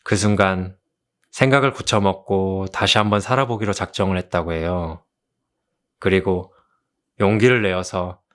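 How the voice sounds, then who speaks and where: A man doing an ASMR role-play as a kind therapist, speaking gently and consolingly like a tender romantic leading man. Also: low voice. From South Korea. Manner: gentle, consoling, slow storytelling. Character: kind, soothing male therapist comforting a patient. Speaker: ASMR role-play performer as a counseling doctor.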